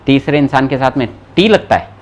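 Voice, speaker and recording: A man's voice: mid-range voice, animated, fairly quick, muffled recording, slight background noise. A young man teaching a German class in casual Hindi mixed with English, explaining word meanings, quizzing students by name and teasing them when they forget. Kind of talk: live online class teaching.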